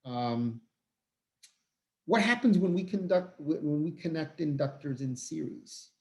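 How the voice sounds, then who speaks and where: Tired man giving a halting physics lecture. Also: fairly high pitch, gravelly, darkish tone. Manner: halting, many fillers and restarts, informal. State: tired, yawning. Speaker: physics teacher. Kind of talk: recorded online lecture.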